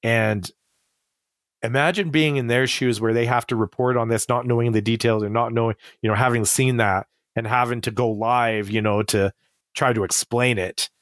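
A man's voice: medium pitch, fairly even intonation, normal speed, a bit bright, dry recording, clean studio sound. A middle-aged man telling stories in a casual, rambling way, full of fillers and restarts. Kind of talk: casual conversational storytelling.

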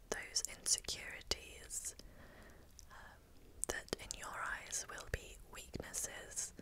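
A woman giving an ASMR pep talk of affirmations in a breathy whisper close to the microphone, soothing and encouraging, with pauses. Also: rough recording.

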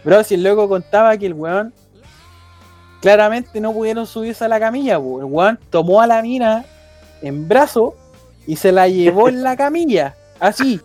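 A man's voice: high voice, animated, moderate pace, darkish tone, soft background music. A young man with a Chilean accent telling a rambling, slang-filled anecdote in casual chat. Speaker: storyteller.

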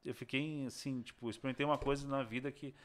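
A man's voice: medium pitch, fast talker. A young man, telling a personal story in casual chat and acting out the people in it. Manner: animated, acts out voices of people in his story, slangy. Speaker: guest telling his conversion story.

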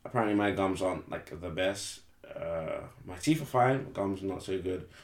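A man's voice: sits low, lively intonation, normal speed, reverberant. A young man, chatting casually as a podcast co-host, rambling and correcting himself, laughing easily. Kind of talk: casual chat.

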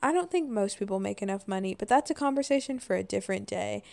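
Young woman with heavy vocal fry. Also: mid-range voice, expressive, quick pace, dark tone. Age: 20s. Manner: informal, frequent "like" as filler. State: a little tired. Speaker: podcast co-host. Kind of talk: casual chat and commentary.

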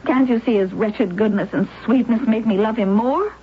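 In a 1970s radio drama, an actress voices an anguished young wife in a wheelchair who is both narrator and lead, telling her own story. Her voice is a little high and natural, at normal speed, with slight background noise, and she sounds intense and pleading before breaking into despair. The recording is a muffled old radio broadcast with music.

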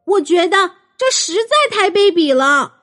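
A woman's voice: extremely high pitch, expressive, moderate pace, a bit bright, faint music behind, voice pushed up. A woman voicing a caring young girl who talks in an urgent, pleading way. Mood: indignant.

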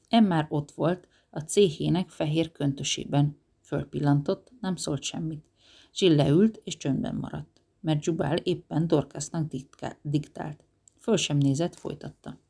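A narrator reading a novel aloud in calm, even audiobook narration. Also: medium pitch, vocal fry.

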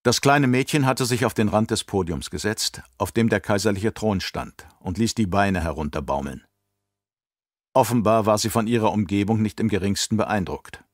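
A man narrating an audiobook with a measured, even reading. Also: lowish voice, dry recording, studio quality. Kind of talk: scripted narration.

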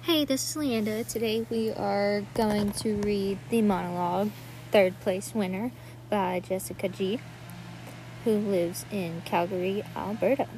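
A student reading a dramatic monologue, a woman speaking earnestly and pleadingly, growing quiet and tender. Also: medium pitch, steady tone, unhurried, a little hiss or hum, low-quality recording.

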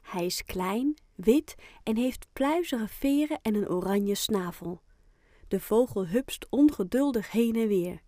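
A woman narrating a children's audiobook in a gentle, clear storytelling manner, close to the mic. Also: a little high, lively intonation, takes it slowly, dry recording.

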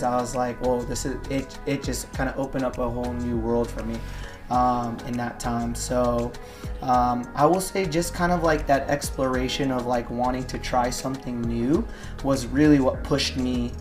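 A man's voice: mid-range voice, flat delivery, moderate pace. A man in his thirties from Hawaii, a gym owner talking casually and reflectively as an interview guest, with many ums and likes. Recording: music bed under voice.

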